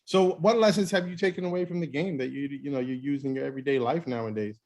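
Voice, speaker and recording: A man's voice: medium pitch, fast. A man with an ordinary mid-range voice talks casually. He tells stories with energy and acts out what people said to him. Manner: lively storyteller who acts out quotes. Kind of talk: casual conversation about baseball.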